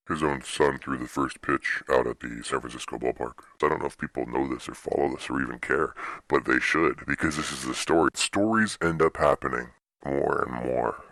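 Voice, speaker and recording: Young male sports host, extremely deep, dry close sound, informal and meandering solo commentary. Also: creaky, fairly bright tone, no room sound. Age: young adult.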